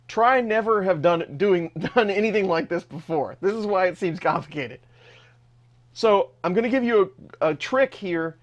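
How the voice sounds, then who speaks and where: A man narrating a screen-recorded tech tutorial step by step in a casual, plain way. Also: high-pitched. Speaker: host of a 3D printing tech channel.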